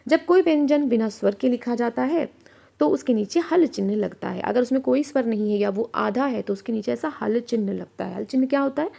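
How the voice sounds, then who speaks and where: A woman teaching a grammar lesson for children. She asks questions and answers them herself, and she slows down to sound out letters and example words. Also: on the high side, vocal fry, mellow.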